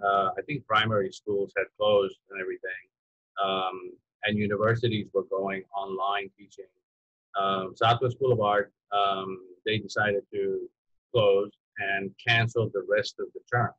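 A low, flat-voiced man in his fifties from Iran speaks haltingly on a video call, restarting his sentences again and again. The audio is dull and lo-fi, with a dry, close sound. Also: no echo. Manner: hesitant, halting with many restarts and fillers. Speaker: photographer and photography teacher. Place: home room with dark curtain. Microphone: video call computer mic.

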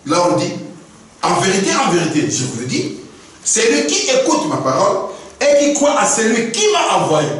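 Animated male preacher in an echoey hall. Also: sits high. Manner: animated preaching, acts out dialogues with shifting voices. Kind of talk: sermon. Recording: echoey room from far off, faint noise.

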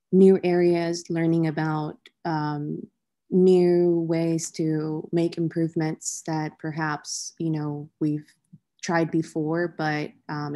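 A woman from Colombia introduces herself on a video call. Her voice sits low with a gravelly fry, and she speaks in a measured, articulate way. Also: mellow. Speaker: networking participant. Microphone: laptop microphone on a video call.

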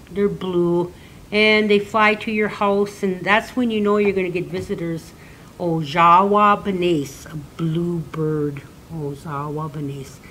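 An older woman, an elder, slowly teaching children the names of animals and patiently repeating each word for learners. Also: medium pitch, slight background noise. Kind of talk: slow classroom teaching.

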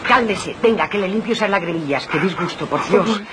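A woman's voice: medium pitch, animated, a little fast, noisy background, natural voice. An actress playing a kind, motherly woman who soothes a crying young man and ends up close to tears herself in a 1990s TV comedy. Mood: soothing. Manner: soothing, motherly, then tearful. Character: kind-hearted, weepy woman comforting a stranger.

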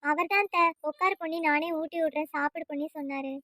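A meek cartoon daughter-in-law, voiced by a woman, soft and deferential, very high and bright in tone. She answers with gentle pleading. The sound is dry and close. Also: fast, no room sound. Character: meek young wife, polite and pleading. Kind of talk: cartoon voice acting.

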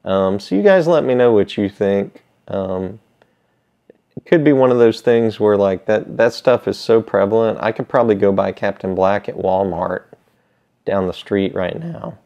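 A middle-aged man with a fairly low voice talks casually to camera with a pipe in his mouth. He rambles in a laid-back, halting way, pausing often. The sound is slightly dull, recorded in a small room. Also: vocal fry, mellow. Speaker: pipe tobacco seller. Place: small indoor room with shelves.

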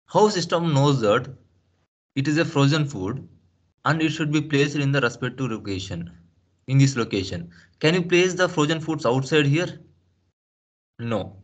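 A man teaching a software lesson over a screen share, explaining step by step with rhetorical questions, fillers and restarts. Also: mid-range voice. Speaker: SAP trainer. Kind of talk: screen-share tutorial lecture.

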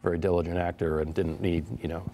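A man's voice: deep voice, level tone, fast talker, dark tone, a little hiss or hum. A middle-aged man from South Jersey, a filmmaker, telling stories chattily with fillers in a studio interview. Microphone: lapel.

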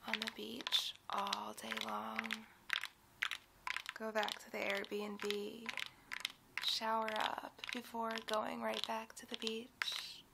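A woman whispering softly and slowly in an ASMR video, with tapping sounds on a coconut. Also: fairly high pitch, level tone, vocal fry, heavy background noise. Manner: soft whispering, slow and soothing. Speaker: ASMR creator. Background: tapping and rubbing on a coconut.

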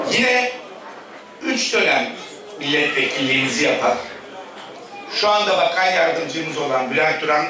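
Middle-aged male politician at a podium mic, high-set voice, rhetorical delivery, boomy distant hall sound. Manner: rhetorical, addressing the crowd with pauses between phrases. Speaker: politician giving a congress speech. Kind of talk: formal political speech to a party congress. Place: large echoey congress hall. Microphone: speaking at a podium microphone. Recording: echoey hall, distant mic, audible room noise.

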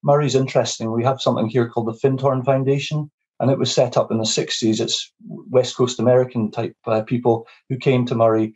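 A man giving a steady, informative panel presentation over a video call, sometimes repeating words as he goes. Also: medium pitch, fairly quick, husky. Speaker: regional development area manager. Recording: muffled lo-fi video call audio.

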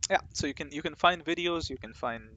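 A man's voice: on the high side, brisk, sharp tone, muffled recording. A man hosting a gaming channel who talks in a casual, rambling way, with lots of fillers and restarts. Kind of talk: casual rambling talk to camera.

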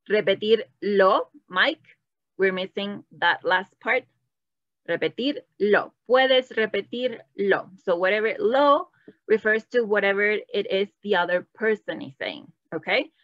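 A woman's voice: medium pitch, no room sound, lo-fi sound. A woman teaching an online Spanish class, patient and encouraging, moving between English and Spanish as she praises students. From Latin America. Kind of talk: bilingual online language lesson.

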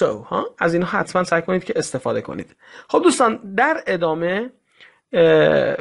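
Male teacher, gravelly voice, slow and patient, repeats every phrase. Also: high-pitched. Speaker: English teacher. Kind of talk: explaining English to Persian learners.

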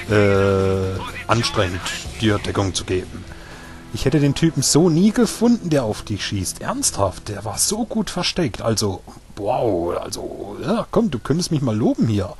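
A young man chatting his way through a video game with sarcastic, grumbling remarks. His pitch moves lively up and down. Quiet game music sits behind him. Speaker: let's player. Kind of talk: casual gameplay commentary.

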